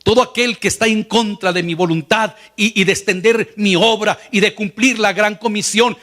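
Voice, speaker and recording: High-voiced man preaching earnestly. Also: moderate pace, fairly bright tone. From Latin America. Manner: earnest preaching, voice rising on quoted lines. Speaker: pastor. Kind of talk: sermon.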